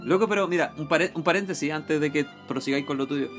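A Chilean man with a Chilean accent, joining a casual chat with quick, laughing reactions. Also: fairly high pitch, a bit bright, soft background music.

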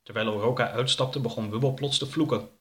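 A man reading a children's story aloud in a calm, even storytelling manner. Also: medium pitch, fairly quick. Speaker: narrator. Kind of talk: storybook narration.

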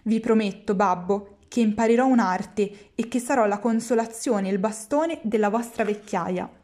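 A woman's voice: mid-range voice, normal speed, a little mellow, close to an everyday voice. A woman voicing a whiny, hungry wooden puppet boy who pleads and complains. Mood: pleading sobbing. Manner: whining, petulant pleading.

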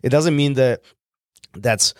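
A man's voice: mid-range voice, takes it slowly, dry recording, studio quality. A man co-hosting a podcast, talking in an earnest, rambling way with frequent restarts and fillers. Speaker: podcast co-host. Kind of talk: casual podcast chat.

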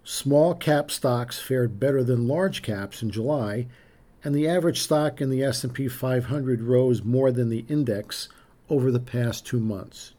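A man giving a measured, formal scripted narration as a financial podcast host. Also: medium pitch, mellow.

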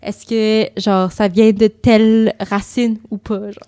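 A woman's voice: mid-range voice, flat delivery, takes it slowly, dark tone. A woman, a guest chatting loosely on a podcast, full of filler words and slipping into English. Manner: loose and rambling, heavy use of filler words, slips into English. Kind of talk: casual chat.

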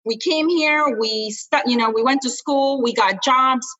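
A woman from Honduras, a guest entrepreneur, talking quickly and casually in an interview with many fillers. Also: high-pitched, sharp tone, lo-fi sound.

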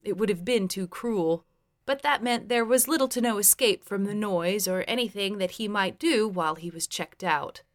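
A woman's voice: medium pitch, normal speed. Frank woman narrating her memoir. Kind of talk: first-person memoir narration.

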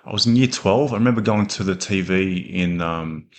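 A man with an Australian accent chats on a podcast in a low voice. He tells his stories in a relaxed, plain-spoken way and leans on easy fillers. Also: moderate pace. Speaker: podcast co-host. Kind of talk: casual conversational podcast.

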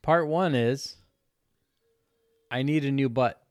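A man's voice: mid-range voice, takes it slowly, dry recording. A man on a casual podcast tells a story at an easy pace, slipping in crude jokes. His voice sits in a middling register, recorded close and dry with no room sound. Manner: laid-back storytelling, crude humor. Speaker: podcast co-host. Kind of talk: casual chat.

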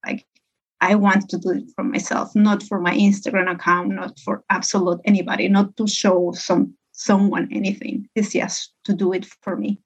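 A woman in her thirties from Peru, talking as a podcast guest. She chats loosely, full of fillers and small asides, at a middling pitch. The recording sounds dull and lo-fi. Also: little pitch movement, moderate pace, husky. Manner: chatty, many fillers and laughs. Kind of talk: podcast interview.

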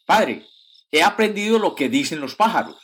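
A fearless young man answers plainly and calmly, as a man reads him in a children's story. His tone is bright and matter-of-fact. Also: fairly high pitch, normal speed, breathy edge, full character voice. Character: foolish but fearless young son of a count.

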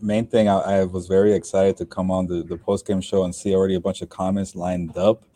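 A man's voice: low-pitched, brisk. A young man, a sports beat reporter, chatting casually on a post-game podcast from inside a stadium, rambling with lots of fillers. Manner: relaxed and rambling, with many fillers and restarts. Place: inside a stadium, speaking quietly with people working around him.

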